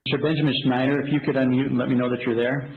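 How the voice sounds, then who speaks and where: Man's voice in tinny low sample rate audio. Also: little pitch movement, crowd noise. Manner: brisk, procedural questioning. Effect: low sample rate, compressed and distorted audio. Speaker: judge. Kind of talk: court hearing over a video call. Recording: tinny low-bandwidth call recording with faint noise.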